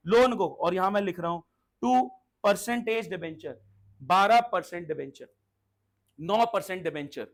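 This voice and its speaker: A man teaching commerce in a classroom lecture, who drills his students to call out answers and keeps asking if they follow. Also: sits high. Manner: asks frequent check questions. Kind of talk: classroom lecture in Hindi mixed with English terms.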